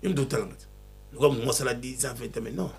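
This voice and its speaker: A man talking excitedly in a casual chat, switching between Lingala and French. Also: mid-range voice, fast talker, gravelly, slight background noise.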